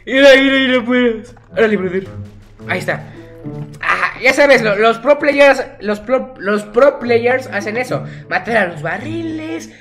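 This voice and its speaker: A man's voice: very high voice, a bit bright. A teenage boy with a Mexican accent, chatting casually over his gameplay in a rambling, jokey way that keeps correcting itself. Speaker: gaming YouTuber.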